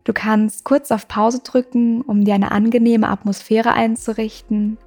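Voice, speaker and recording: A woman hosting a meditation podcast, guiding the listener in a soft, slow, soothing way with long pauses. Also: on the high side, flat delivery. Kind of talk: guided meditation. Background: music.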